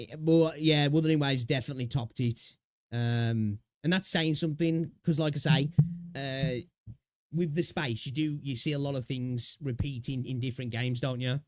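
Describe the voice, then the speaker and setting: A man's voice: medium pitch, a little mellow, no room sound, clean studio sound. A man giving casual, rambling reaction commentary on a game video, repeating himself and adding tag questions.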